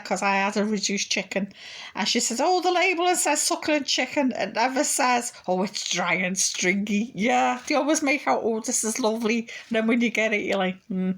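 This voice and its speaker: A middle-aged woman, chatting casually and rambling in her vlog. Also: medium pitch. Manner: chatty, rambling, with frequent laughs and fillers. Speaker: vlogger.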